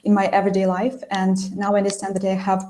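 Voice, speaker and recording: A woman's voice: mid-range voice, completely flat delivery, fast, dark tone, slight background noise. A woman speaking as a panelist in an online discussion, composed and slightly formal, as if prepared. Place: video call.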